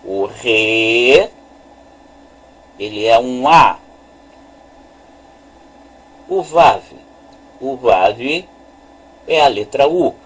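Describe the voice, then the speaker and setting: A man giving a slow, repetitive lesson on letters and sounds, pointing at a chart on his screen. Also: mid-range voice, animated, a bit bright, breathy edge, rough recording. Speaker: religious teacher.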